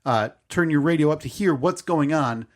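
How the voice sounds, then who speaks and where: A podcast co-host in his thirties tells a story in a casual chat, rambling, hesitating and correcting himself often. His voice is on the high side and moves at a normal speed.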